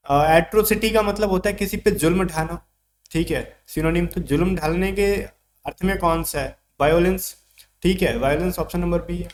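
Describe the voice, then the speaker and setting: A man teaching an exam vocabulary lesson, explaining words step by step and checking in with his students often. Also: fairly high pitch.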